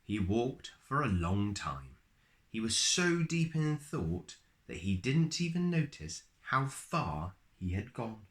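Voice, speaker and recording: A man whose voice sits fairly low reads aloud from a children's picture book. His storytelling is expressive, full of dramatic pauses and elongated words.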